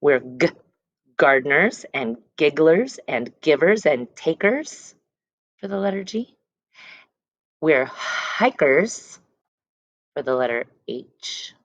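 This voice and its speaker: Reading a picture book aloud to young kids, this woman teacher at an elementary school slows down, leaves long pauses, and uses lively intonation in her low voice. She stresses words and letter sounds and adds short explanations. The audio is dry and dull.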